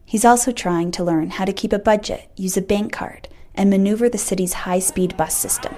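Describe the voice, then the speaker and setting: Woman radio reporter reading her story, warm dark voice, faint hiss behind. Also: medium pitch, steady tone, fairly quick. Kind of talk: scripted radio narration.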